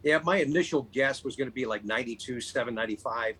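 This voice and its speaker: A man speaking as a car-dealer guest, talking in excited, quick bursts. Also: medium pitch, husky, rough recording. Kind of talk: casual interview talk.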